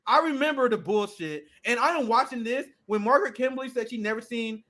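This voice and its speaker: A man's voice: extremely high pitch, animated, fairly quick, pushed and bright. A young adult man co-hosting a political commentary show, ranting in a heated, profane way. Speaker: co-host.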